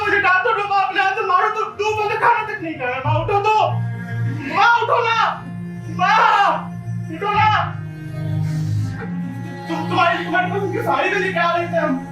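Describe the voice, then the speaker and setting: A man on stage playing a young son who pleads and sobs over his dead mother. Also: very high voice. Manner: sobbing, pleading, shouting in grief. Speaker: stage actor. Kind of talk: stage play acting. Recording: echoey stage from far off, music behind.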